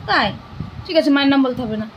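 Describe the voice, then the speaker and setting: A young woman, a mother and vlogger casually quizzing her child with coaxing, animated questions. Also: sits high, rapid-fire, muffled recording, a little hiss or hum.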